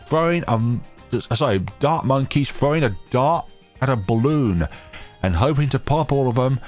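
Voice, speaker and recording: Recovering from a chest infection, this young gaming channel host sounds deeper than usual, with a darkish tone. He rambles casually and self-deprecatingly over his gameplay, picked up by a home computer mic.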